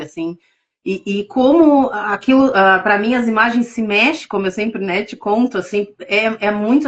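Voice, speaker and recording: Brazilian woman, higher voice, heartfelt storytelling, dull lo-fi call audio. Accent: Brazilian Portuguese. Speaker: guest, tarot reader. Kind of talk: casual testimony in a live interview.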